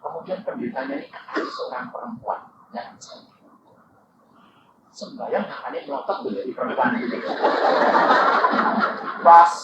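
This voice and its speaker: An older man preaching a sermon full of stories, swinging from low asides to high shouted quotes. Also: very noisy. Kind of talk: sermon with anecdotes. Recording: dull, echoey hall recording from far off.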